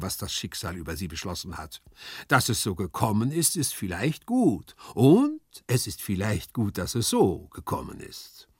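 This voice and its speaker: A man voicing a calm, philosophizing male servant with a preachy, mock-solemn manner in a literary reading. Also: mid-range voice, husky, no room sound, clean studio sound, pitched above the performer's own voice. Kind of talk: literary reading with acted voices.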